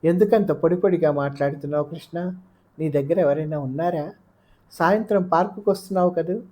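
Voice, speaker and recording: A woman's voice: sits low, fairly quick, mellow, lightly acted. A woman reading the part of a bewildered, anxious young man, pressing with urgent questions in an audiobook. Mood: puzzled. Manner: pleading, rising urgent questions.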